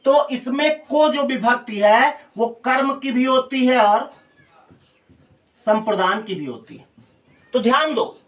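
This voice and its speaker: A man's voice: extremely high pitch, expressive, slow, long pauses, fairly bright tone. A male teacher giving a grammar lecture, explaining step by step and asking students questions. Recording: voice from a distance off the mic.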